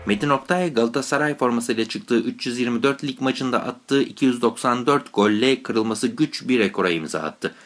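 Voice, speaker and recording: A man's voice: medium pitch, brisk, hardly any pauses. A man reading scripted narration as a radio host.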